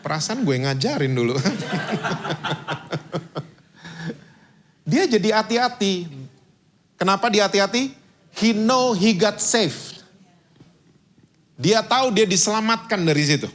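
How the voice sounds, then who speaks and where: A man's voice: high voice, moderate pace, long pauses. A man in his fifties, a pastor preaching a sermon. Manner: lively storytelling, mixes in English phrases. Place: church stage.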